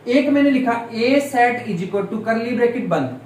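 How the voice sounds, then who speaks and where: A man's voice: very high-pitched, animated, slow pace, darkish tone. A man teaching a maths class, constantly quizzing students and repeating key terms for them to echo back. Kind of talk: classroom lesson with call-and-response questions. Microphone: distant room mic. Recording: echoey room, voice from far off, faint noise.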